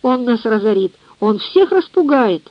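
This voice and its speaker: A woman's voice: fairly high pitch, big pitch swings, measured pace, no room sound. Woman reading as a tearful reproachful mother. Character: tearful wounded middle-aged mother, sharp. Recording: muffled lo-fi dry recording.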